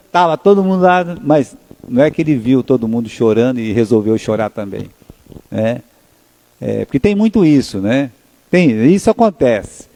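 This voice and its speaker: Brazilian pastor preaching, mellow voice. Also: male voice, fairly high pitch. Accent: Brazilian Portuguese. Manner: conversational preaching, asks the congregation questions and answers them. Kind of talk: sermon. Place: church.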